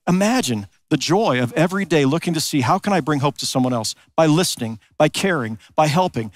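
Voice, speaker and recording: A man's voice: medium pitch, no echo. Earnest man preaching a sermon. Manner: earnest preaching, slows for emphasis, rhetorical questions. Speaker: pastor. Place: large church sanctuary.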